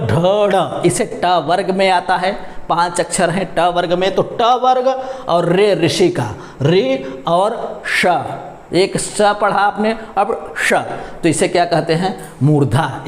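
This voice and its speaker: A man's voice: sits high, reverberant. A male teacher giving a patient pronunciation lesson, repeating syllables and asking questions to his young viewers. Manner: addresses viewers as "my dear children".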